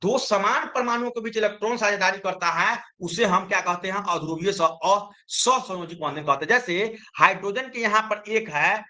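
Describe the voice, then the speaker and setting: A man's voice: sits high, moderate pace, few pauses, pushed and bright. A man teaching a chemistry lesson, who keeps asking his students questions and answering them himself. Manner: explains with repeated questions to students.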